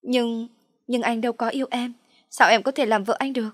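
A woman voicing a scheming young daughter who talks softly and pretends to be innocent. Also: on the high side, steady tone, brisk, no echo, clean studio sound, voice pushed up, close to an everyday voice. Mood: pleading. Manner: soft, pleading, feigned meekness.

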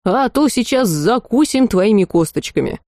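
A woman voicing an indignant three-headed male dragon who yells and shrieks his complaints in an audiobook. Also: lively intonation, moderate pace, dry recording, clean studio sound. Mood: threatening. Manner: shrill, yelling.

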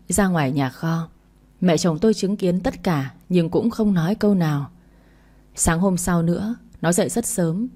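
A woman tells a first-person story in a steady, plain way. Her voice sits low and mellow. The telling is measured and even. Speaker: narrator.

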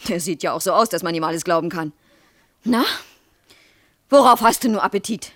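A woman's voice: fairly low pitch, fairly quick, lightly acted. Give me a woman voicing a sarcastic, demanding young teacher wife from an old radio drama. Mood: bitter. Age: 20s. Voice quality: sharp, reproachful, sarcastic. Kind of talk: 1970s radio play acting.

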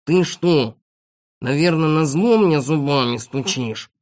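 A storybook reader voicing a grumpy little shorty who grumbles in a slow drawl. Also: medium pitch, lively intonation. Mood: grumbling.

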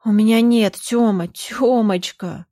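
A woman's voice: normal speed, no room sound, clean studio sound, close to an everyday voice. Woman voicing a sobbing, terrified young woman. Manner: pleading, high-pitched. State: crying. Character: frightened young woman pleading in tears.

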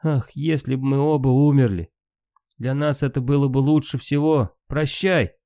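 A man's voice: mid-range voice, normal speed, a little mellow, dry recording, studio quality, voice pushed up, close to an everyday voice. A man doing Brunhild, impassioned valkyrie queen. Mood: anguished. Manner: raised, impassioned delivery. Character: proud grieving valkyrie queen, a woman.

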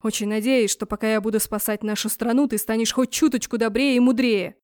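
A woman's voice: fairly high pitch, fairly even intonation, fairly quick, darkish tone, no room sound, studio quality, natural voice. A woman reading as a curt, stern young prince. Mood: cold. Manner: short clipped phrases.

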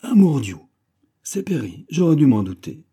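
A man's voice: lowish voice, moderate pace, mellow, lightly acted. A man voicing a bold, boastful musketeer in an audiobook, brash and impatient, swearing as he demands things.

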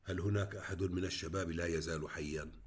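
A man voicing a warm male villager who murmurs in a hushed voice. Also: low-pitched, steady tone, quick pace, breathy edge. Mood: whispering. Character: older male Palestinian villager, astonished, warm.

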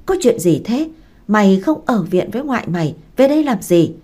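A woman voicing a gruff, foul-mouthed older woman who runs a restaurant, speaking in a loud scolding way. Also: medium pitch, very animated, fairly quick. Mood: questioning. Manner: loud scolding, rough and blunt.

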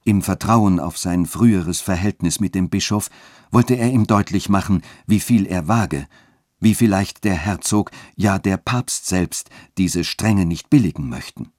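A man narrating a literary story for radio in a steady, formal delivery. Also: low voice, measured pace, no room sound, studio quality.

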